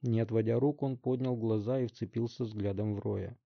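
A man's voice: lowish voice, steady tone, normal speed, creaky, no room sound, highs cut off. Male audiobook narrator, dry sound.

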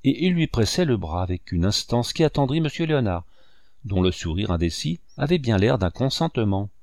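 A man narrating a 19th-century novel as an audiobook, in a measured, expressive reading on a close mic. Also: medium pitch, creaky, dry recording.

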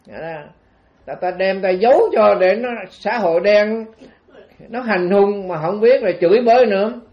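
A monk voicing a resentful ghost. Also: male voice, high voice, normal speed, pitched above the performer's own voice. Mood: aggrieved. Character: vengeful spirit of an executed male prisoner. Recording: dull lo-fi recording.

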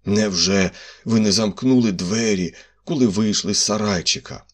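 A man voicing an excitable middle-aged police commissary who speaks in urgent, clipped bursts, with a husky voice. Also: on the low side, normal speed, close to an everyday voice. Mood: alarmed.

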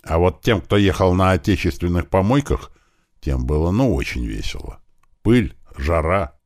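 Male audiobook narrator, very deep, dry close sound. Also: lively intonation, moderate pace, a little mellow, dry recording.

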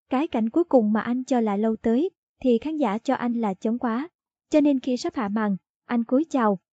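Dark, husky woman narrating a story. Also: fairly high pitch, no room sound. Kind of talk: audiobook short story reading. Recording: dull lo-fi dry audio.

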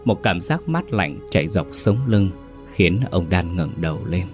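A man narrating a horror story in a dramatic, measured way. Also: low-pitched, animated. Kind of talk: scripted ghost story narration. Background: faint music.

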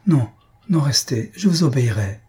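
A man's voice: medium pitch, big pitch swings, normal speed, warm tone, breathy edge, voice pushed up. A man voicing a feverish young man in love, eagerly pleading with the woman at his bedside.

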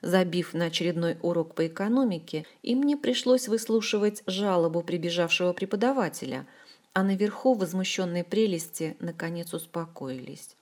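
A woman's voice: fairly low pitch, normal speed. Wry woman narrating an audiobook. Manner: wry, expressive storytelling. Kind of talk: first-person audiobook narration.

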